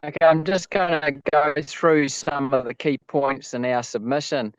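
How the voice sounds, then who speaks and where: A man's voice: a little high, normal speed, no room sound. A man in his fifties with a New Zealand accent, a farmer reading out a formal submission over a video call whose audio turns buzzy and glitchy and breaks up. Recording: dull lo-fi remote call line, dry.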